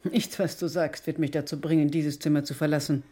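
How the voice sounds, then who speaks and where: In a German radio drama, an actress plays a steadfast, reproachful older foster mother, speaking firmly, insistently and defiantly. Her low voice is dark with a breathy edge, fairly even in intonation and fairly quick.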